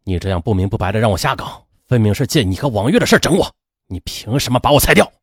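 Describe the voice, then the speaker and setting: A man's voice: fairly low pitch, big pitch swings, fast, husky, no room sound, studio quality, voice pushed down, full character voice. A man voicing a bitter middle-aged husband who has lost his job. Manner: bitter, erupting into raging shouts.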